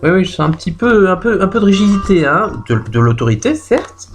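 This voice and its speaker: A performer voicing a chatty female clairvoyant who reads a caller's fortune in a comic phone-in sketch, with drawn-out hums and exclamations. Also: medium pitch, big pitch swings. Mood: mystic, teasing. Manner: theatrical, drawn-out "hmm" and "ouh là là", claims flashes and vibrations. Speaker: fortune teller taking a call. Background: music playing behind the voice.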